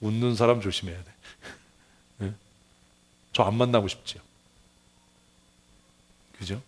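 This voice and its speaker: A middle-aged male pastor giving a Sunday sermon in a lively way, acting out quoted voices and asking the congregation questions. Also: lowish voice, unhurried. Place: church sanctuary.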